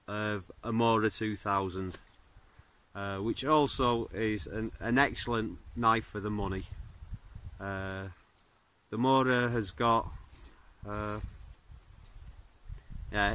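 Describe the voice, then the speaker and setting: A man, reviewing a knife in a birch forest, talking casually with plenty of fillers. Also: on the low side. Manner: relaxed, unhurried, many fillers and restarts. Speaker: bushcraft video host. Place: birch forest outdoors, smoky campfire. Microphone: phone or camera at arm's length.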